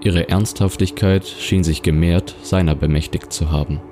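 Man, narrator, radio play, deep voice, measured storytelling, music behind. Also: steady tone, dark tone.

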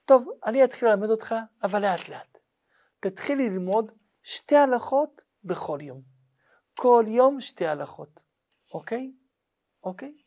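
A man voicing a revered elderly male sage who speaks gently and patiently to a struggling student. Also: high-pitched, animated, long pauses. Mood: coaxing.

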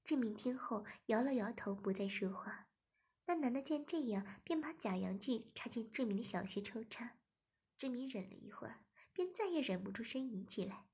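A woman narrating an erotic audio story in a soft, half-whispered manner. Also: a little high, slightly rough.

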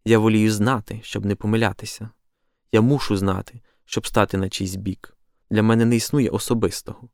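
A quiet, doubting apostle who weighs every word calmly, read by a man. His voice is low with a gravelly edge. It is recorded dry and close. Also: no room sound. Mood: measured. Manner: calm, measured, reflective. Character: calm, doubting male apostle, thoughtful.

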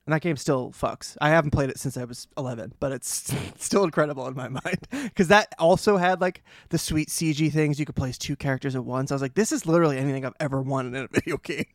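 A man in his thirties co-hosting a podcast, talking quickly and eagerly and laughing as he goes. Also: mid-range voice, no echo, studio quality. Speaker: podcast co-host. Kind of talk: casual chat.

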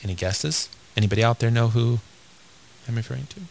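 A man hosting a radio show in casual chat, enthusiastic and quick to laugh, recorded in a studio. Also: mid-range voice, vocal fry, a little mellow, a little hiss or hum.

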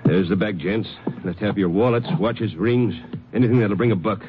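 An actor playing a curt, menacing masked robber who barks slangy orders in an old radio crime drama. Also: male voice, on the low side, normal speed, close to an everyday voice. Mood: curt menace. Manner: slangy tough-guy barking. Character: short heavy-set masked stick-up man, curt and menacing. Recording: dull, noisy old radio recording.

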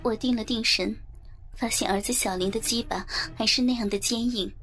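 A woman narrating an erotic audiobook in the first person, reading in a soft, even, intimate way. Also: fairly high pitch, fairly quick, soft background music.

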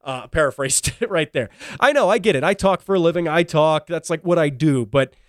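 Wry chatty guy hosting a show, kinda high voice, dry close mic, lots of ums. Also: brisk, dry recording. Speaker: show host. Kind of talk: casual commentary.

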